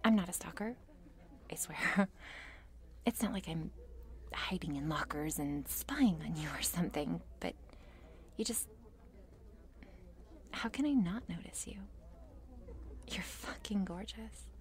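A woman voicing a shy, meek cheerleader with a crush in a whispered role-play, nervous and halting, in a soft breathy voice. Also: lowish voice, expressive. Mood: meek, smitten. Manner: meek, nervous, halting, self-deprecating and apologetic.

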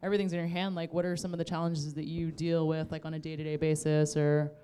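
A woman's voice: low voice, level tone, quick pace, mellow, clean tone. A woman moderating a panel in a casual, conversational style.

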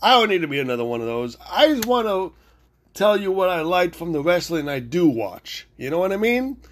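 Loud, rambling male podcast host. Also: high voice, brisk. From Italian heritage. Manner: loud, rambling, self-interrupting, excitable. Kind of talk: solo podcast rant.

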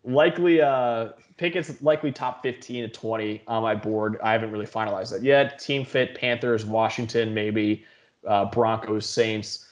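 A man's voice: lowish voice, steady tone, normal speed. A man hosting a casual football draft talk show, leading the discussion and asking his co-hosts for their takes. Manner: leads the discussion, asks for takes. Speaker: podcast host.

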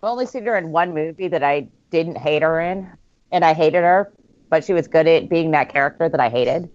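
A woman's voice: deep voice, a little fast, a little mellow, highs cut off. A woman giving blunt, opinionated remarks in a casual chat among friends while watching a movie.

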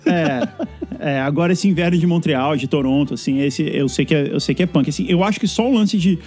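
A Brazilian man in his thirties, a guest musician telling stories in a lively, filler-heavy casual chat. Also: on the high side, a little fast, faint music behind. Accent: Brazilian Portuguese. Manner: animated storyteller, many fillers.

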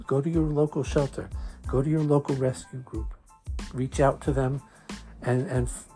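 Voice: mid-range voice, darkish tone. A podcast host with a Brooklyn accent, talking conversationally and earnestly, repeating phrases for emphasis.

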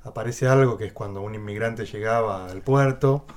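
A man's voice: fairly low pitch, normal speed, darkish tone. Reflective Argentine man, hesitant. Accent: Argentine Spanish. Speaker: guest. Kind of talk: casual interview.

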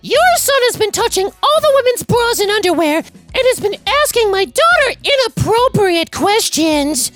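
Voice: very high-pitched, very animated, normal speed, fairly bright tone, dry recording, soft background music, pitched above the performer's own voice, exaggerated voice. The story narrator voicing a rude, aggressive entitled mother who stretches her words out with a sneer. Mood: accusing.

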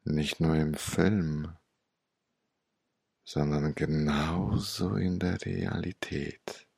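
A man tells a hypnotic meditation story like an old sage, extremely slowly and with long pauses. His low voice is gravelly and breathy, soothing and close to the mic. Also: steady tone, a little mellow, no echo.

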